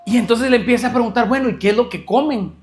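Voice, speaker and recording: A man preaching as a guest speaker, telling a story and acting out quoted dialogue with animated swings in voice. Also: very high-pitched, fast talker, soft background music. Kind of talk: sermon storytelling.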